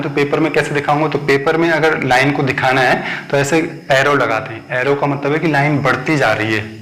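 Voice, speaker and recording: A male maths teacher explains ideas at a board in a mid-pitched voice. He is patient and repeats himself, often asking whether the point is clear. The sound rings in an echoey room. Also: fairly bright tone. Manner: patient, repeats points and checks understanding with the class. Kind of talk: whiteboard maths lesson for children. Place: classroom at a board.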